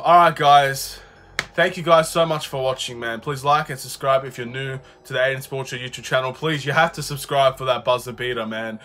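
A man giving excitable live commentary on his own video game, swearing and calling out "bro" often. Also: medium pitch. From Australia. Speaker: gaming YouTuber.

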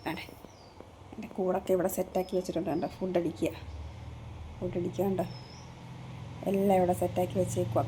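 Holding her own phone in a room at home, a woman chats earnestly in a casual vlog, rambling and repeating the same points over and over. Her voice is lowish with a dark tone, and there's slight background noise.

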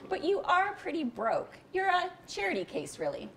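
A smug young woman hacker, read aloud by a woman at a bookstore event, talks down to her listener in a cool, matter-of-fact tone. Her pitch sits in a middle range, with a faint hum of the room behind her. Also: sing-song, fairly quick, natural voice.

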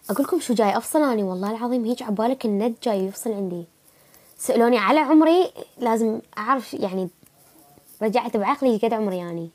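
Chatting casually with her livestream viewers and answering their comments, a young woman with an Iraqi Arabic accent sounds sick. Her voice is a little high with a darkish tone.

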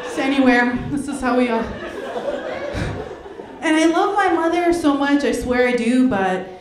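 This young stand-up comic has a high voice and a measured pace, working a club stage with a handheld mic. She's animated, breaks into laughter between jokes and puts on voices for bits. Background noise and audience laughter fill the roomy club recording.

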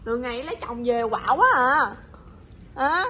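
A woman's voice: a little high, normal speed, pushed and bright, a little hiss or hum. A woman chatting with her pets in a teasing, coaxing way, laughing often. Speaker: pet channel host. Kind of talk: casual chat to her pets.

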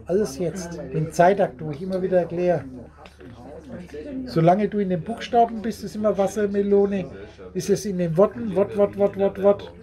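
A man giving a rambling, repetitive spiritual talk to a small group at a meeting, often laughing as he speaks. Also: high-pitched.

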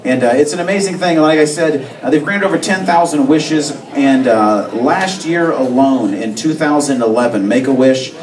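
A man's voice: mid-range voice, normal speed, few pauses. Man hosting on an echoey bar stage. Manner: hesitant, with frequent "uh" fillers. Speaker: event host. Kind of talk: live stage presentation. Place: bar stage before a crowd. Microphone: handheld mic, far camera. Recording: echoey bar from far off, crowd noise. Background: crowd chatter.

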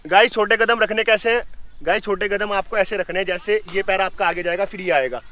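A man's voice: high-pitched, brisk, bright, forceful tone. A young man coaching cricket outdoors, talking straight to the camera while he demonstrates moves. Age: young adult. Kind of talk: instructional talk to camera.

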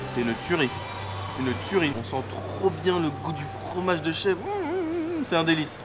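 A man's voice: fairly high pitch, big pitch swings, moderate pace, loud music behind the voice. Man talking with his mouth full. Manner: enthusiastic, chatty. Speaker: food vlogger. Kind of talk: casual food review. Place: restaurant in the United States.

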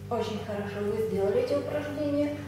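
A young woman leading an exercise class as instructor, giving short measured commands and counting repetitions while she moves. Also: on the high side. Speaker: fitness instructor. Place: small indoor exercise studio. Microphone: camera a few metres away. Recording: echoey room, distant mic, clear noise.

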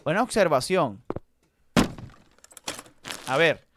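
Excitable male streamer, high lively voice. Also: slow pace, noisy background. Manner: excitable, talks to chat, swings from mumbling to loud outbursts. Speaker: gaming streamer. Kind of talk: live let's-play commentary.

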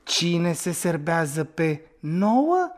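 A flustered man tangled up in an affair. He stammers, repeats himself and keeps cutting in with pleading protests. A guilty, fumbling lover rather than a smooth one. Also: fairly high pitch, big pitch swings. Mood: sheepish. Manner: stammering, pleading, talks over others. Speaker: lover in a radio play. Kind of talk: radio theatre acting.

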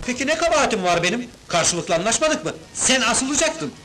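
An actor playing a reluctant new husband who speaks in a hesitant, prim way in an old film. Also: male voice, very high-pitched, sing-song, a little fast, sharp tone, heavily acted. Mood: flustered. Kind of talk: 1970s film dialogue. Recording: old film soundtrack with music behind.

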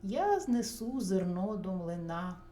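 Woman doing hardworking storybook rooster; high, bouncy, calling out; roomy take, faint hum. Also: sing-song, takes it slowly, mellow. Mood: cheerful calling. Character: cheerful hardworking male rooster.

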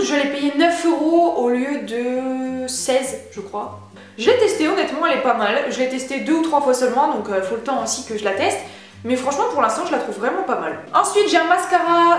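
A woman's voice: sits high, heavy reverb. A young woman chatting casually through a beauty haul vlog, slangy and enthusiastic. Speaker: beauty vlogger.

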